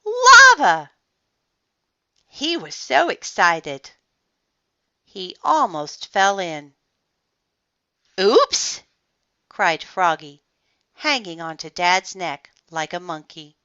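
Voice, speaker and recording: A woman reading a bedtime picture book aloud, taking her time over every line with a very unhurried pace. Her bright voice swings up and down with plenty of expression. The recording is dry and slightly muffled. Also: on the low side, animated, dry recording. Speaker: storyteller. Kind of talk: bedtime story read-aloud.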